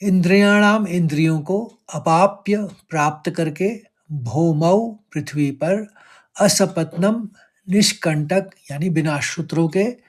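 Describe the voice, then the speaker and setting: A man with a fairly high voice teaches recitation, chanting verses slowly and breaking words into stressed syllables. He then explains quickly.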